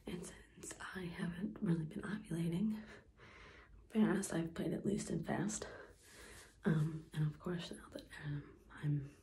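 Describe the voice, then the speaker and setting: A young woman talks in a hushed whisper so she won't wake the house, her low voice slipping into gravelly fry. Her tone is dark and mellow, and she rambles loosely with plenty of ums and likes. A faint hum of room noise sits underneath. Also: a little slow, rough recording. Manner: whispering to keep quiet, rambling with many fillers. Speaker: vlogger. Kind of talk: whispered casual vlog. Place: home, early morning.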